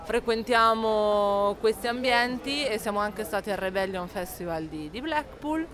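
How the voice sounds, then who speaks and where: A young woman from Umbria rambles on in a friendly, chatty way, sometimes stopping to search for words. Her pitch is mid-range, and a crowd is heard clearly around her outdoors. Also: moderate pace. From Marsciano, Umbria, Italy. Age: 20s. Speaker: festival visitor. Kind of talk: vox pop interview.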